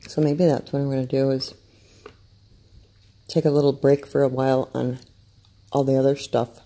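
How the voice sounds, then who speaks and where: A woman chats at home in a low, mellow voice. She rambles and often restarts her sentences, chewing food between thoughts as she shows off her crafts. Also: level tone, moderate pace. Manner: rambling, self-interrupting, chatty. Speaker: vlogger. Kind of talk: casual chat to camera. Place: home, downstairs room.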